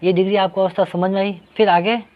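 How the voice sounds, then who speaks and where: A man's voice: high voice, flat delivery, fast. A man teaching an English grammar lesson. He explains patiently, repeating each point and asking questions that he then answers himself. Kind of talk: classroom-style grammar lesson. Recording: dull lo-fi recording.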